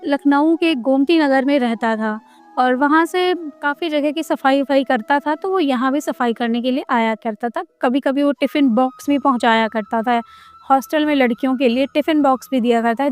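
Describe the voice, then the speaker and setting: A woman's voice: high-pitched, moderate pace, soft background music. A woman narrating a devotional story in a conversational retelling style, stitching scenes together with frequent "she says".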